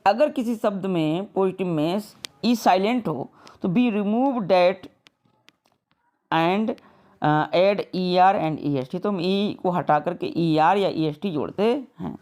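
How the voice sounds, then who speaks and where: A woman teacher giving a grammar lesson. She drills lists of words, reads the rules out slowly word by word, and keeps checking with "clear?". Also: fairly low pitch, darkish tone. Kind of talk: grammar lesson, mixing Hindi and English.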